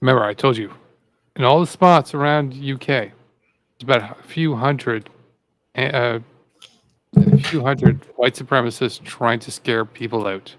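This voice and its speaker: With a mid-range voice and an unhurried delivery broken by long pauses, a man co-hosts a live political talk show. He rambles and repeats himself as he gets fired up in this casual commentary, with slight background noise behind him.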